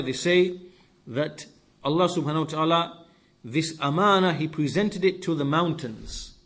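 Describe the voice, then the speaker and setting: A man with a fairly high voice gives a sermon in the style of a lesson, explaining scripture. His phrases are short and deliberate, and like a teacher he repeats key words for emphasis.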